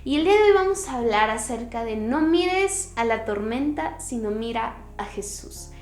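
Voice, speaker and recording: A woman hosting a devotional podcast, teaching and retelling a Bible story in an earnest, emphatic way with pauses and restarts. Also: on the high side, animated. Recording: roomy echo with faint music.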